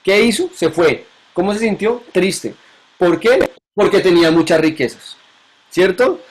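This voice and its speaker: A man's voice: sits high, expressive, a little slow, husky. A man teaching a Bible lesson to a class, asking questions and repeating key points.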